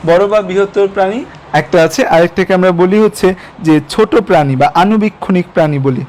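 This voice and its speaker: A man's voice: high-pitched, quick pace, darkish tone, slight background noise. A young man teaching a biology lesson online, asking questions and answering them himself, mixing in English terms. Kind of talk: online lecture.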